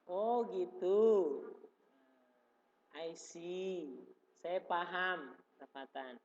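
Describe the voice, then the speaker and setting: Guru laki-laki yang bicara pelan dan sabar. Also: male voice, high voice, darkish tone. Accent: Indonesian. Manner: slow, patient, repeats each phrase. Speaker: religious school teacher. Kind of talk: classroom explanation. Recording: dull reverberant room recording.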